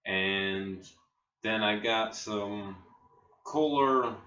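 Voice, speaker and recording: An American man with a lowish voice talks casually to his channel, rambling at an unhurried pace. He sounds set back from a built-in laptop mic in an echoey garage, slightly muffled. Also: pushed and bright. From Ohio, United States. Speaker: video blogger, channel host. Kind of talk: casual vlog chat. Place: home garage. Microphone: built-in laptop camera microphone. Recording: roomy, distant, muffled laptop mic with faint noise.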